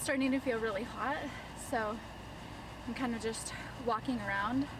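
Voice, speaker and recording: A woman's voice: on the high side, steady tone, moderate pace, over music. A woman chatting casually as a vlogger, narrating her own workout on an outdoor basketball court and now and then short of breath. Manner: sometimes short of breath from exercise. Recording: distant mic, noisy outdoor ambience.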